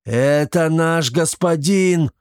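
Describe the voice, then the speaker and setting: A man voicing a vicious, then servile, bandit sorcerer who rasps and shouts. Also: lowish voice, lively intonation, unhurried, no echo, clean studio sound. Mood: furious shouting. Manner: hoarse rasping shouts.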